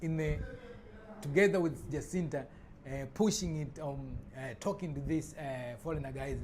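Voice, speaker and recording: A man giving casual spoken commentary, halting and restarting often with many fillers. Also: on the high side, a little mellow. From Tanzania. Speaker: vlogger. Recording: noisy background ambience.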